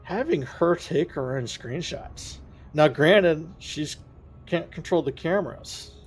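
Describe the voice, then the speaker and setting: A man streaming a space game, thinking out loud in a casual, rambling way and correcting himself as he goes. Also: on the high side, expressive, takes it slowly, slightly rough, faint music behind. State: has the hiccups. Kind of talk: casual gameplay commentary.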